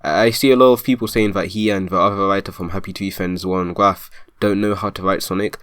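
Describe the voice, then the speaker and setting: A man with a lowish voice argues back point by point, exasperated and insistent, in the manner of an online commentary. His voice sounds close and dry, with no room around it. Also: steady tone, fairly quick, a bit bright, no room sound. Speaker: video commentator rebutting a review. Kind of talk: argumentative commentary.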